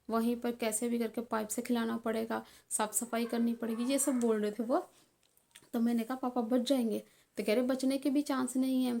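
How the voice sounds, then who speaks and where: Soft-toned woman vlogger, flat delivery. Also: fairly high pitch, vocal fry. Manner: earnest, halting retelling with frequent fillers. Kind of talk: personal storytelling vlog.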